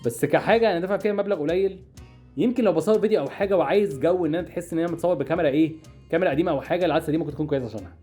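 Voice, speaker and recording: Young man, Egyptian Arabic accent, very fast casual vlog chatter, slightly high voice, faint music behind. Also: dark tone, husky. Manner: rapid, chatty, jokey and puzzled. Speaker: product-review vlogger. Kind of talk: casual unboxing commentary.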